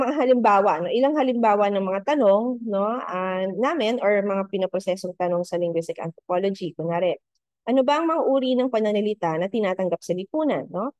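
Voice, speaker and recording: A woman's voice: mid-range voice, darkish tone, dry recording, dull audio. A woman with a Filipino accent giving a university lecture, mixing English into her talk and ending phrases with questioning tags. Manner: code-switching, frequent "no?" tag questions.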